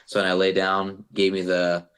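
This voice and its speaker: A young man, a metal vocalist guesting on a podcast, telling stories in a casual, animated and profane way, saying "bro" constantly. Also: low-pitched, moderate pace. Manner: animated profane storytelling, says "bro" a lot. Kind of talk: casual chat.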